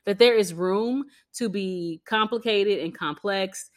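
A woman co-hosting a casual chat podcast, earnest and heartfelt, slowing down to make her point. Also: medium pitch. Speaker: podcast co-host.

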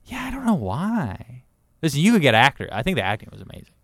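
Blunt man with a lively voice. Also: medium pitch, fast talker. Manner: blunt, opinionated, swings between flat mumbles and loud outbursts. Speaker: podcast co-host. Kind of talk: casual movie chat.

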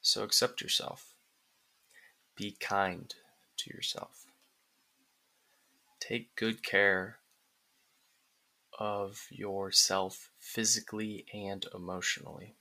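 In a lowish voice, a man reads a sleep-story-style guided relaxation, pausing between slow, gentle, carefully paced phrases.

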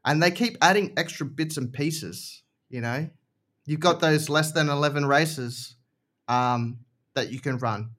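Higher-pitched Kiwi man chatting casually. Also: unhurried, a bit bright. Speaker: podcast guest. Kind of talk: casual chat.

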